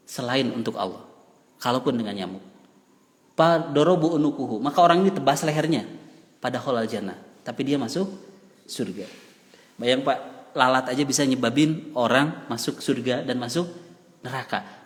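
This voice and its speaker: Man with a Sundanese accent, preaching in a mosque, higher voice, long hall echo. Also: a bit bright. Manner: storytelling, reciting Arabic and translating, mixing in regional words. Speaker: religious teacher. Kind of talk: mosque lecture.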